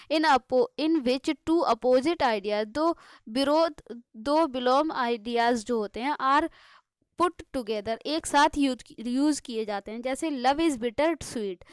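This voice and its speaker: Indian woman teacher, high voice, explains patiently, reads examples slowly. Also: dry recording, studio quality. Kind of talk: exam-prep lesson.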